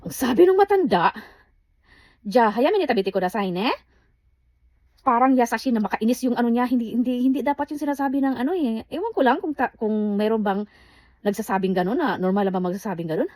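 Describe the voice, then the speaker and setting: Fast-talking woman, animated storytelling. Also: on the high side, no room sound. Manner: animated storytelling, acting out quoted dialogue. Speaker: vlogger. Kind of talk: casual storytime vlog. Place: indoors, under a blanket.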